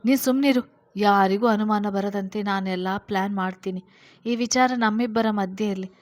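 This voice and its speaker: A woman's voice: medium pitch, steady tone, moderate pace, lightly acted. A woman voicing a scheming, confident older sister in a storybook reading, talking in a reassuring, commanding way.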